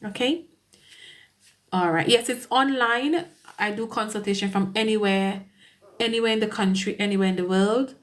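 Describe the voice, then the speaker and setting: A woman with a Caribbean accent talks to her viewers on a live stream. Her tone is casual and chatty, with frequent laughs and warm greetings to the people watching. She sounds like she is speaking into a phone or webcam indoors. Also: mid-range voice, normal speed, pauses often. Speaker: immigration solicitor hosting a live Q&A.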